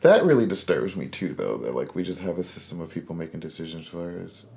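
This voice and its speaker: A woman's voice: a bass voice, sing-song, fast, creaky, warm tone, slight background noise. A woman co-hosting a podcast, chiming in with short agreements and wondering questions. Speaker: podcast co-host. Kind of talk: casual chat.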